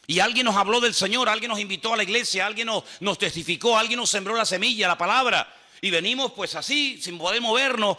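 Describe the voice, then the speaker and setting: A man in his sixties from Venezuela preaching a sermon at a church retreat, lively and humorous, acting out the people he quotes. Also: high voice. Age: 60s. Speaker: pastor. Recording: hall with long reverb.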